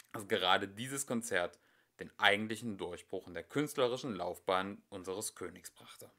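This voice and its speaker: Male amateur audiobook narrator, bright voice, plain reading with small slips. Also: deep voice. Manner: unpolished reading with occasional slips and fillers. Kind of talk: storybook narration.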